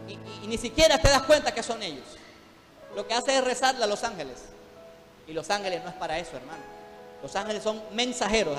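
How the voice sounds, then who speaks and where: A man with a high voice preaches a fervent sermon as pastor, calling out to his congregation. His voice rings through a church with a long, trailing reverb. Soft music plays faintly beneath him.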